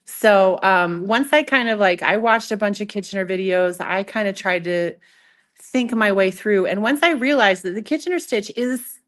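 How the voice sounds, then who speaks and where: A woman leads a live, hands-on workshop in a casual voice. She is chatty and playful, interrupts herself often and gently mocks herself as she explains. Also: medium pitch, moderate pace. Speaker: craft instructor demonstrating sock knitting. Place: live in-person event with an audience. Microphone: event microphone.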